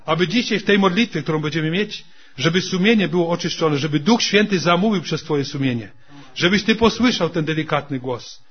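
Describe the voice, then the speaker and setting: A man's voice: a little high, animated, a little fast, breathy edge, lo-fi sound. A man preaching a sermon to his congregation, repeating his points with emphatic calls and addressing them as brothers and sisters.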